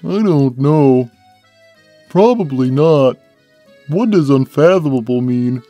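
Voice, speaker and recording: A man voicing a big, simple-minded, gentle cartoon cat who talks slowly and placidly, taking everything literally. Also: mid-range voice, lively intonation, soft background music. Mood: slow, earnest. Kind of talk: cartoon character answering fan questions.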